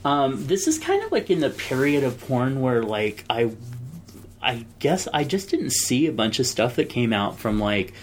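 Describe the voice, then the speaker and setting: A man's voice: medium pitch, sing-song, normal speed. A man in his thirties co-hosting a podcast, chatting casually and reading listener mail in a rambling way. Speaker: podcast co-host. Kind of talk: casual chat.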